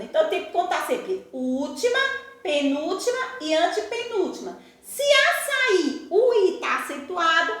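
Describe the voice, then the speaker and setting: A woman teacher with a Brazilian Portuguese accent giving a recorded school lesson, stretching out example words slowly and with emphasis. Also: very high-pitched, fairly bright tone. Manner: slow, drawn-out, emphatic over example words. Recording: very echoey room.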